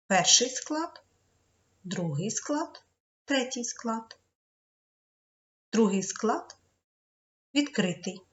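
Woman, children's teacher, slow and patient, muffled lo-fi sound. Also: medium pitch. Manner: slow, patient, spells out syllables. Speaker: English teacher. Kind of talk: children's lesson.

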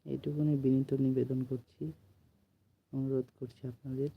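A man doing a late-night live stream from home, speaking softly so he won't wake the household and repeatedly asking viewers to comment. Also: medium pitch, little pitch movement, moderate pace, vocal fry, slightly rough, phone-quality sound. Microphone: phone.

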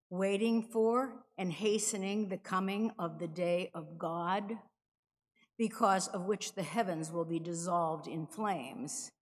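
Slow older woman reading in echoing church. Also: fairly low pitch. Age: older, 60s or 70s. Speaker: lector. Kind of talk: solemn scripture reading. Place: large stone church, indoors. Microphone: gooseneck lectern microphone. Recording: long echoing church reverb.

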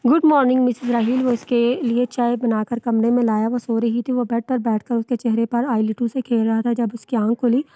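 A woman narrating a romance novel aloud in a steady, even reading. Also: on the high side, moderate pace, hardly any pauses. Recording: dull lo-fi, dry.

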